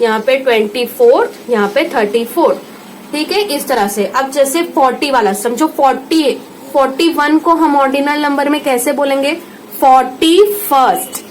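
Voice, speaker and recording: An Indian woman tutor giving a home lesson, slowly repeating each word and checking in with her listener. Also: high-pitched, slight background noise, poor audio. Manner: slow patient repetition, checks in with "theek hai".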